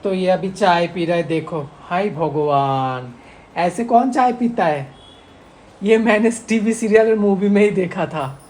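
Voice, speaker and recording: A man co-hosts a casual vlog from a room at home, bossily teasing and scolding his partner. His voice is high-pitched and darkish, at a moderate pace.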